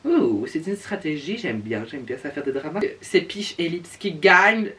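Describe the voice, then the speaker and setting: This reviewer's medium-pitched, fairly bright voice swings widely in pitch at an unhurried pace, heard from a distant mic. The casual reaction commentary on show looks is sassy and campy in a drag-queen way, with words stretched for emphasis.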